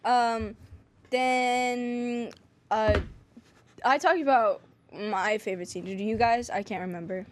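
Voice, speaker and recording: Young female co-host with a high voice, casual, chatty, self-deprecating. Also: fairly even intonation, takes it slowly, background noise. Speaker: podcast co-host. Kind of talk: casual film chat.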